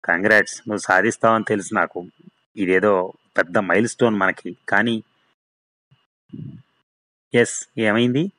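A man's voice: lowish voice, fairly even intonation, measured pace, long pauses, sharp tone, no room sound, poor audio. Man doing Balaram, a curt stern CEO. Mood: commanding. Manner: curt and commanding. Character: stern male company CEO.

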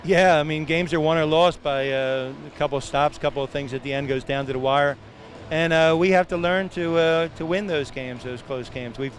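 Older male head coach, hesitant postgame answers, a bit high-pitched, handheld mic in an arena. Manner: halting, many fillers and restarts. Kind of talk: postgame interview. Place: indoor arena, empty seats behind. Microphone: handheld interviewer mic.

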